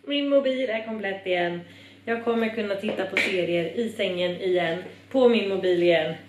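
A woman's voice: medium pitch, roomy sound, background noise. A young woman from Sweden chatting casually in a vlog at home, bubbly and rambling. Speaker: vlogger.

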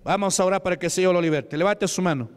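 Speaking rapid-fire in a smooth, high-pitched voice, a Peruvian deacon delivers a Pentecostal sermon, asking the congregation questions he then answers. He peppers it with "aleluya," and the church hall adds plenty of reverb.

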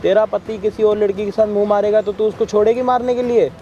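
A man in a staged social drama who steps in as a bystander, scolding roughly and swearing freely in an outdoor park. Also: high-pitched, level tone, quick pace, dull audio, a crowd in the background. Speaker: host stepping in as a bystander.

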